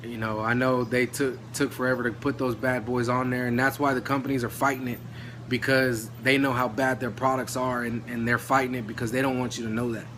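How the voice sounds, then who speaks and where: A man's voice: medium pitch, little pitch movement, a little fast, fairly bright tone, a little hiss or hum. A man vlogging about diet in a loose, rambling way, full of fillers and mild swearing, a little out of breath. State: out of breath, dry throat. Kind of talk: casual rambling talk to camera.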